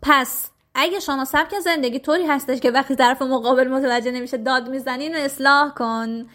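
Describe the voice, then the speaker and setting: A woman in her thirties giving parenting advice in a lively, direct way, often acting out short lines spoken to a child. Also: high-pitched. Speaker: parenting educator.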